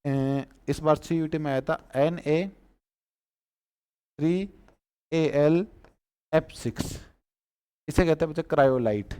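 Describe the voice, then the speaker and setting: A man's voice: a little high, slow, long pauses, warm tone, smooth. A man with a Rajasthani Hindi accent teaching chemistry, repeating each name and quizzing his students on it. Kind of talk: chemistry class lecture.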